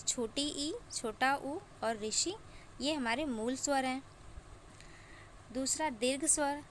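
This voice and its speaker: A woman teaching an exam-prep grammar lesson, defining terms and drawing out each example slowly and deliberately. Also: sits high, fairly bright tone, a little hiss or hum.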